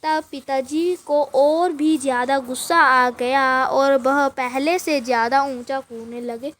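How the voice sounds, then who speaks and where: Woman teacher, high voice, unhurried, reads a passage then unpacks it line by line, many restarts. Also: fairly even intonation, fairly bright tone. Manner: reads a passage aloud, then explains each line in simple words; frequent restarts and filler sounds. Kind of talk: explaining a textbook lesson.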